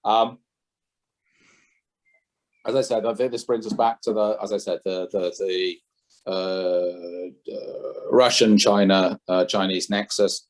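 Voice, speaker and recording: The podcast guest, a man who used to be a head trader, offers strong opinions in a conversational interview, reasoning aloud and fixing his wording mid-sentence. His voice is on the low side, steady in tone, and slow.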